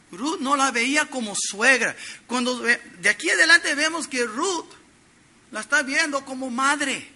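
A middle-aged man with a high-sitting voice preaches an expository sermon. He teaches earnestly, swinging between loud emphasis and soft, quiet drops.

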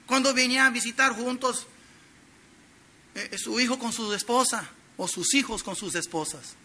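High, piercing-voiced middle-aged preacher man. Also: normal speed, a little hiss or hum. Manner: earnest teaching, swings between loud emphasis and soft drops. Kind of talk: expository sermon.

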